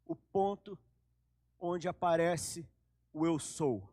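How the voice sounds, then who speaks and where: Animated preacher. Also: male voice, fairly high pitch, slow, no room sound, clean studio sound. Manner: animated, dramatic storytelling. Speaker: pastor. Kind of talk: sermon.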